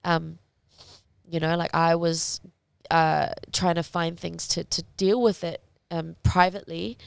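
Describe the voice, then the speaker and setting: Creaky-voiced young woman, halting and reflective. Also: lowish voice, flat delivery, dry recording. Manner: reflective, halting, searching for words. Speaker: interview guest, fighter. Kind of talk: candid interview conversation.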